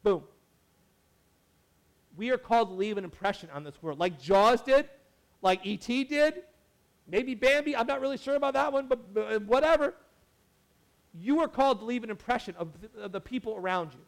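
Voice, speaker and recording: High-voiced man preaching a chatty sermon. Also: normal speed, creaky, long pauses. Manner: chatty, animated, full of asides and restarts. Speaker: pastor. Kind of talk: casual sermon.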